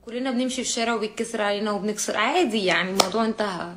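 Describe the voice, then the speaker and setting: A young woman from Jordan telling a personal account in a distressed, agitated way, halting and restarting as she talks. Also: medium pitch, background noise.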